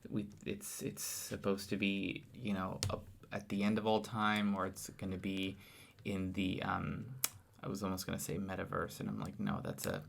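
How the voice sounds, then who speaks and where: A man's voice: low-pitched, monotone, moderate pace, gravelly, slight background noise. A tired man talks loosely in casual chat. He rambles, restarts his sentences and trails off as he thinks aloud, like a podcast co-host late at night.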